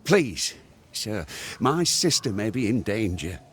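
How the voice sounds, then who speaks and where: A man acting a superstitious, plaintive rustic farmer in a video game, with a husky, colloquial delivery. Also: on the low side, sing-song, takes it slowly, a little hiss or hum. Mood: worried, pleading.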